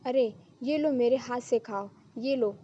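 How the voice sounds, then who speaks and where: A jealous, scheming young wife from a storybook drama, read by a woman. She speaks insistently in a fairly high voice. The recording is a little dull, with faint hiss. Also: a little slow, dark tone, close to an everyday voice.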